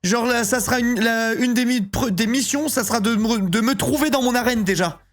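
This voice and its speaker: A man in his thirties chatting casually on a live stream, excitable and rambling, often breaking into giggles. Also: very high-pitched, brisk, faint music behind. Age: 30s.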